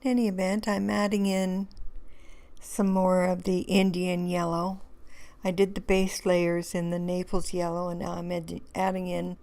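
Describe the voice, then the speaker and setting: A hoarse woman, rambling through a relaxed crafting tutorial voice-over with many fillers and restarts. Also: on the low side, unhurried. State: hoarse, losing her voice. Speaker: craft video host.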